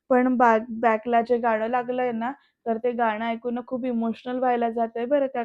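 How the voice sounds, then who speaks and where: A woman retells a TV serial episode in a voice-over, slipping into the characters' angry and pleading lines with a louder voice. Her voice sits fairly high but keeps a flat, even melody. The recording is dry and a little dull. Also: no echo. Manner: animated retelling, acting out characters' lines with raised voice.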